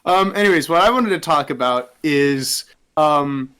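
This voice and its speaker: A man's voice: a little high, animated, a little slow, bright, forceful tone, clean tone. Giggly young man rambling. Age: young adult. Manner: rambling, giggly, says "like" a lot. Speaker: podcast co-host. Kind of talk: casual chat.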